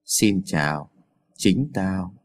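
A man voicing an older, cold and mocking evil double of the hero, speaking low and quietly in a taunting way. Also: expressive, drawn-out words, heavily acted.

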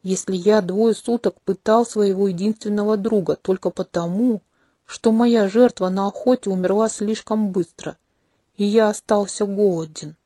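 A woman voicing a charming, manipulative male non-human prince in a home-made audiobook, speaking calmly and candidly with a faintly mocking edge. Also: medium pitch, moderate pace, no room sound, studio quality, close to an everyday voice. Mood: dark, frank. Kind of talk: audiobook character reading. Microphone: close home mic.

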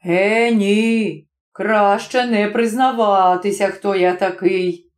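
A woman voicing a stubborn, sly middle-aged village man who mutters slowly to himself. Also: mid-range voice, fairly even intonation, roomy sound, faint music behind, lightly acted. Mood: grumbling.

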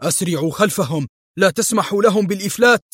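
A man's voice: high voice, lively intonation, fast talker, husky, no room sound, studio quality, voice pushed up. A man voicing a furious, cunning male villain in an audio story, barking orders at his men. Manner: barking orders, angry and sly.

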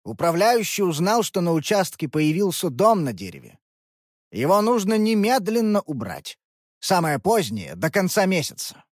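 A woman's voice: big pitch swings, normal speed, dry recording, studio quality. A woman voicing a weary, regretful father. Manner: lowered, subdued, apologetic tone. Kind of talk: audiobook character voice.

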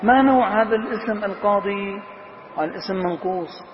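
Brief: male grammar teacher, high voice, quizzes the class and answers himself, dull lo-fi recording with a long hall echo. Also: slight background noise. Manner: asks questions and answers them himself; repeats key words slowly for emphasis.

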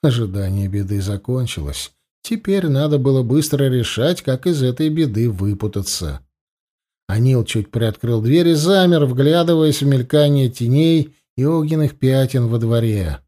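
Man narrating a story in a dark voice. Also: medium pitch, expressive, moderate pace. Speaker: audiobook narrator. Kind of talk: scripted narration.

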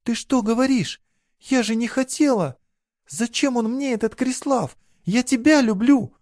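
A man reading a storybook voices a distraught young peasant girl who pleads in a high, strained voice. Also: unhurried, darkish tone, no room sound, clean studio sound. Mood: desperate pleading.

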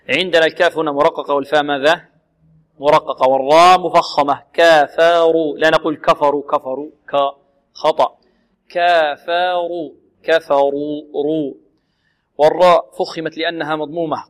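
A man teaching Quranic recitation, chanting verses slowly for students to repeat, then explaining pronunciation rules briskly and sounding out single syllables. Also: on the high side. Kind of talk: recitation lesson with modeled chanting.

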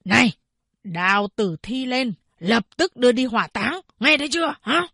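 A woman voicing an arrogant male government official who barks orders and scolds with contempt, in a breathy, raised voice. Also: on the high side, animated, normal speed, bright, forceful tone, dry recording, studio quality, heavily acted. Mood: commanding.

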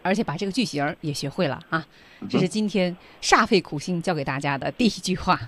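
A radio co-host guides a language lesson, recapping points for the audience. The voice sits at a middle pitch but moves around animatedly. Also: expressive, fast, fairly bright tone. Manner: guiding, sums up the teacher's points for listeners.

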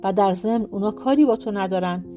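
A woman's voice: mid-range voice, warm tone, soft background music, close to an everyday voice. A woman voicing a commanding young prince who gives curt orders.

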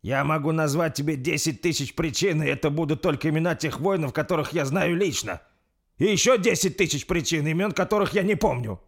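A man doing a furious, shouting old lord. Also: a little high, fairly quick, pitched above the performer's own voice. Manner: shouting, indignant. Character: furious older male lord, defiant and loud.

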